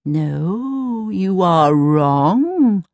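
A woman reading a storybook voices a calm, truthful magic mirror in a soft, half-whispered way. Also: fairly low pitch, extremely slow, no room sound, studio quality, heavily acted. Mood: matter-of-fact.

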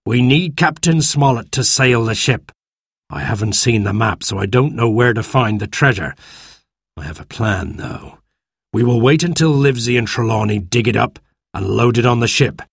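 A man's voice: mid-range voice, lively intonation, normal speed, gravelly, breathy edge, no room sound, clean studio sound. Man voicing Long John Silver, sly pirate. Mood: scheming. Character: one-legged pirate cook, scheming and falsely friendly.

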